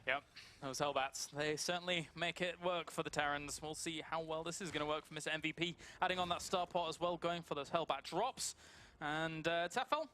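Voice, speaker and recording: A man's voice: a little high, normal speed, bright, forceful tone, slight background noise. A man co-casting a live strategy game match, agreeing with his partner and adding play-by-play. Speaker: esports co-caster.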